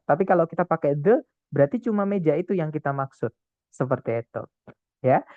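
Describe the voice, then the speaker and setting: A man's voice: a little high, no echo. A man tutoring an English test class in a casual online lesson, explaining step by step and often adding filler words. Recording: tinny phone-like sound.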